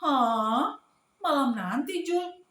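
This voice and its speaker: A woman voicing an eager young schoolboy in a storybook read to small children, exclaiming in an animated, childlike way. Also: sits high, very slow, full character voice. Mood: surprised, reluctant. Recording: roomy, echoing indoor sound.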